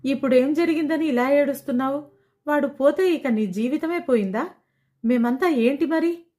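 A woman's voice: on the high side, normal speed, close to an everyday voice. Woman reading as a bold, scolding young friend. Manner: scolding, forceful, encouraging.

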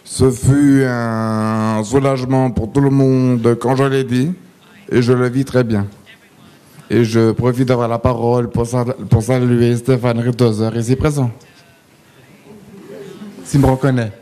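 A man's voice: medium pitch, little pitch movement, a little slow, warm tone. A man in an audience speaking up at a conference to give personal testimony. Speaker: audience member sharing his story.

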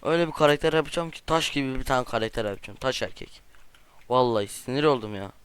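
Smooth-voiced man doing excitable gameplay commentary. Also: mid-range voice, fast. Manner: excitable, trash-talking outbursts at opponents; chatty, addresses viewers directly. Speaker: gaming video creator.

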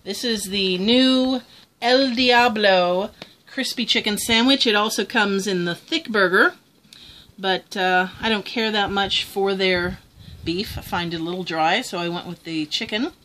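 A woman's voice: mid-range voice, unhurried, a bit bright. A woman chatting casually through a food review, exclaiming as she tastes.

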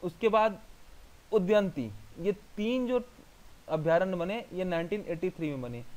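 A man teaching exam revision from slides, repeating memory tricks in slow, emphatic drills. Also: sits high, expressive, darkish tone, low-quality recording. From India.

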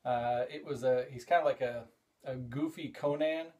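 Showing off his collection in a casual vlog, a middle-aged comic collector and host speaks in an ordinary middle pitch at a moderate pace. He rambles enthusiastically, trailing off and restarting with plenty of "uh"s, excited by each find, while a camera a few feet back records him in a cluttered hobby room.

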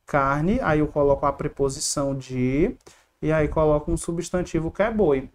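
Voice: medium pitch, moderate pace. A Brazilian teacher explaining exam questions step by step, asking questions and answering them. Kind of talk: online lesson solving exam questions.

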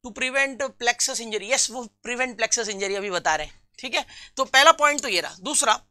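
Very animated, bright, and forceful, a man's very high voice leads a live online class for nursing exam students. He reads out answers from viewers, addresses them as friends, and says key terms slowly and repeatedly. There is no room sound.

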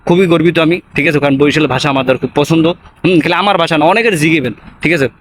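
A young man with a Barishal accent talks to camera at a rapid clip, rambling and tacking on little tag questions. His voice sits fairly high. Faint background noise runs under the recording. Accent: Barishal Bengali. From Patuakhali, Barishal, Bangladesh. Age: young adult. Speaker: vlogger. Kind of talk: casual to-camera talk.

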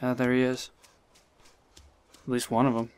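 A young man commenting live on his gameplay, talking to himself and getting excited. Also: medium pitch, normal speed, smooth. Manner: excitable, talks to himself, swears and laughs.

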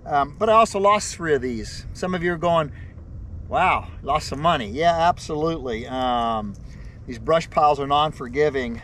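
A middle-aged man on a bass boat, chatting to his viewers as he casts and reels in fish. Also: expressive, normal speed, fairly bright tone, slight background noise. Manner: talks to viewers while casting, upbeat and chatty. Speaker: fishing vlogger. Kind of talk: casual fishing vlog commentary. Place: open bass boat on a lake, outdoors.

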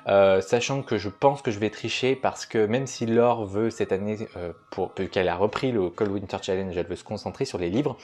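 A man's voice: on the low side, normal speed, few pauses, darkish tone. Chatty self-mocking young man vlogging. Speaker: booktuber. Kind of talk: casual vlog chat. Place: indoors at home at night under a lamp.

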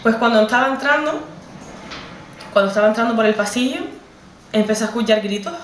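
A young Canarian woman tells a personal story straight to camera. Her voice sits a little high for a woman. She keeps circling back and repeating herself as feeling builds. The sound is roomy and set back from the mic. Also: a little fast, distant mic, slight background noise. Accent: Canarian Spanish. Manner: emotional, repetitive, conversational retelling. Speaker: vlogger.

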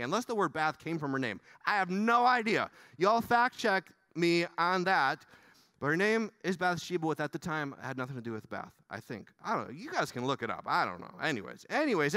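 A man preaching a sermon in church, animated and talking directly to the congregation. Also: on the high side, dry recording. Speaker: pastor.

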